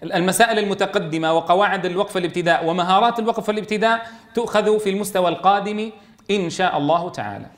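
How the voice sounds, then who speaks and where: A man teaching a class on Quran recitation rules. He quizzes his students and chants verses slowly for them to repeat. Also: sits high, fairly bright tone.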